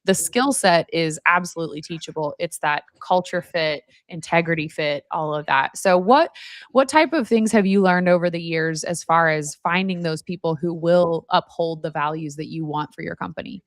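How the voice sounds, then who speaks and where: A woman's voice: fairly low pitch, moderate pace, no room sound, studio quality. A woman hosting a podcast, speaking in a conversational interview style. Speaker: podcast and live stream host.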